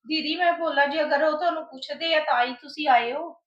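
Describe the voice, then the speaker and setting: A woman's voice: sits high, fairly quick, a bit bright. A woman playing a soothing, firm mother-in-law. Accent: Indian Punjabi. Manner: consoling, motherly scolding. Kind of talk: amateur family drama skit. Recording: roomy, dull-sounding room.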